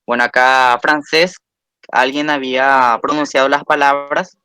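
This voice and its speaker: A man's voice: mid-range voice, little pitch movement, measured pace, sharp tone, clear, resonant tone, dry recording. A man teaching a recorded language lesson, patiently spelling out sounds and repeating example words.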